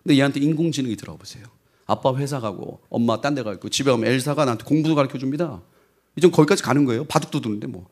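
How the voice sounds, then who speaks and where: A middle-aged man preaching a sermon, animated and rising to fervent, shouted passages. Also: fairly high pitch, husky.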